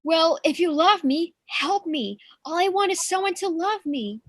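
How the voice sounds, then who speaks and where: A woman's voice: extremely high pitch, lively intonation, unhurried, no echo, studio quality. A young woman voicing an anxious young bride who pleads with her father in a school play reading. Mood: pleading. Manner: pleading, emotional.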